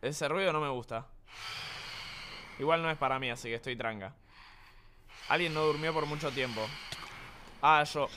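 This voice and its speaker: A man's voice: fairly high pitch, normal speed, long pauses, background noise. A young man with an Argentine accent chatting live while gaming, full of crude banter, slang and swearing. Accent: Argentine Spanish. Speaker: streamer. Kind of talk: live gaming stream chat.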